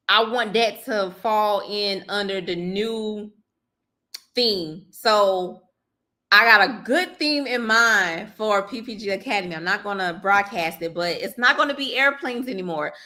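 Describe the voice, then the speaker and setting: A woman's voice: mid-range voice, sharp tone. A woman hosting a live online workshop, chatting casually with viewers, laughing easily and talking through her steps with lots of fillers. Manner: chatty, frequent fillers and restarts, addresses viewers directly. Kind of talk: casual live-stream teaching.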